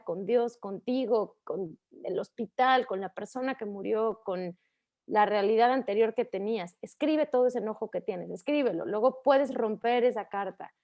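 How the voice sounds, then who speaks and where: A woman in her thirties with a Mexican Spanish accent, a counselor gently giving advice on grief and repeating phrases for emphasis. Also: on the high side. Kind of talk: warm explanatory advice talk.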